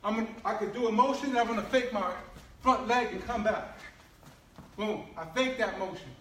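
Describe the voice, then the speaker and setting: A high-pitched male martial arts instructor walks through feints and footwork, keeping up an animated coaching patter. His voice bounces around a roomy training space with faint ambient noise behind him. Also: moderate pace. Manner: animated, coaching with frequent "right?" and "all right?". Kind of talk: instructional demonstration. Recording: echoey room with faint ambience.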